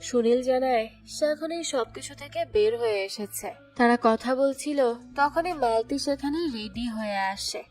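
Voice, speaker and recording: A woman narrating a movie plot as a steady, scripted storytelling recap. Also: on the high side, normal speed, few pauses. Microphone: voice-over. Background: soft background music.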